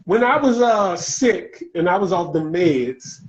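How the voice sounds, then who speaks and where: Man, podcast host, high voice, chatty, laughs a lot, live video call. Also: expressive, a little slow, muffled recording, slight background noise. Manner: laughing, loose and talkative. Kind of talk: casual chat.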